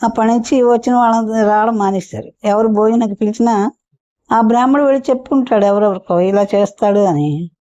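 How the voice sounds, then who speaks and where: A woman's voice: fairly high pitch, a little fast, dark tone, dry recording. A woman storyteller telling a folk tale for children in a homely, repetitive, chatty way. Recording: dull muffled recording.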